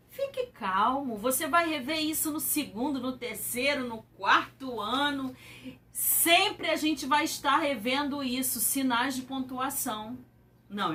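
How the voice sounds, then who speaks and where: A Brazilian woman teaching a class for young children, with a bright, high voice and an animated, exaggerated sing-song delivery. She talks slowly and carefully, as if to little pupils. Her voice sits a little back from the mic. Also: far from the mic. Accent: Brazilian Portuguese. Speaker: primary school teacher.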